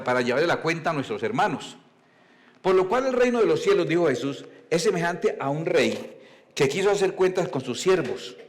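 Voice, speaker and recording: A male pastor, preaching in a conversational storytelling style, asking the congregation questions and reading scripture slowly. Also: on the high side. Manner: reads scripture slowly and deliberately. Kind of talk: sermon.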